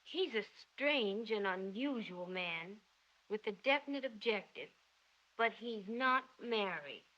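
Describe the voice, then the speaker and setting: A woman's voice: medium pitch, expressive, slow, sharp tone. An actress playing an emotional young woman in love who speaks in breathless, gushing exclamations, on a dull 1930s film soundtrack. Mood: excited. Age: young adult.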